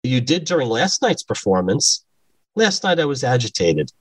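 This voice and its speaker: A man's voice: mid-range voice, big pitch swings, normal speed, breathy edge, dry recording. A man voicing a confident young woman, a stage witch, who speaks breezily and self-assured. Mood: breezy.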